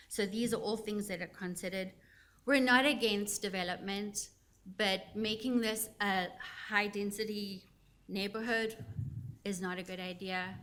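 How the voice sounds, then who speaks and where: A woman's voice: medium pitch, a bit bright. A woman with a South African accent addresses a council meeting as a local resident. She lays out her concerns earnestly, with the odd small laugh. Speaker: resident giving public comment. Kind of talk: public comment at a council meeting.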